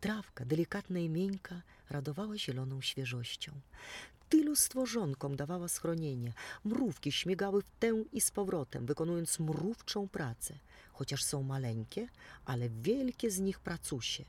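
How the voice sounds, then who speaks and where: A storyteller reading a children's tale aloud in an expressive, lilting way. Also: medium pitch, moderate pace, slightly rough, recorded from a distance.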